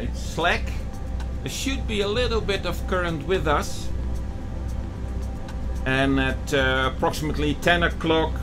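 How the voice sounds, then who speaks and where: A man, a boat skipper narrating his travel vlog calmly, explaining each step. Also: fairly high pitch. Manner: calm, unhurried, explaining step by step.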